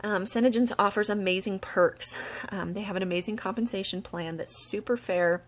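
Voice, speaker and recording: A woman giving a casual, eager sales pitch to the camera, talking fast between fillers and little laughs. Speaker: beauty product distributor.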